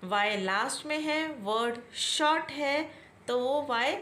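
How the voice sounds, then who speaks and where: Indian woman teacher, high voice, slow patient delivery, Hindi speaker explaining English rules. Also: expressive, bright, forceful tone, a little hiss or hum. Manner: slow, patient, repeats key points and asks questions back. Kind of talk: classroom-style explanation.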